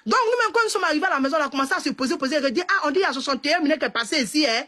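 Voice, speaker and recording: Woman, Ivorian French accent, high and very animated, emphatic, repetitive, conversational testimony. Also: rapid-fire. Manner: emphatic, repetitive, proverb-laden. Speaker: interviewee, family member of a deceased man.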